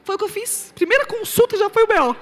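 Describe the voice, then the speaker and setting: A Brazilian woman in her thirties with a Brazilian Portuguese accent, preaching and giving a testimony to a live audience. She tells stories in an animated way, swings between loud and soft, and laughs along with the room. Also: extremely high pitch, fast talker.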